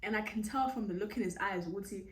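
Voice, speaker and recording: Lively South African woman telling a story. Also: mid-range voice, fast talker. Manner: lively, code-switching, acts out dialogue. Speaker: YouTuber. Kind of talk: casual storytime vlog. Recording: roomy, slightly distant mic.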